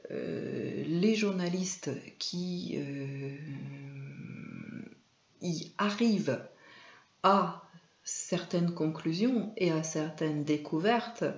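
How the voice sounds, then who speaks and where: A woman's voice: fairly low pitch, creaky. A woman from France presenting a video lesson on film and media, talking unhurriedly with many hesitations and self-corrections. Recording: echoey room, dull lo-fi sound.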